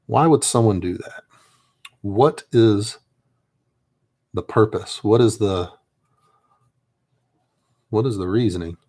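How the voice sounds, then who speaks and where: An army veteran who paints miniatures chats casually and reflectively as he works, his lowish voice slow and slightly rough with frequent pauses. He's soft-spoken and rambles, sometimes trailing off.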